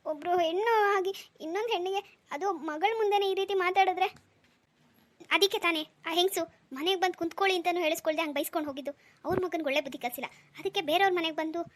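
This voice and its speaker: A woman's voice: extremely high pitch, a bit bright. A woman voicing a protective husband and father in a cartoon, scolding and soothing by turns. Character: protective husband and father, stern yet tender. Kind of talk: cartoon dialogue.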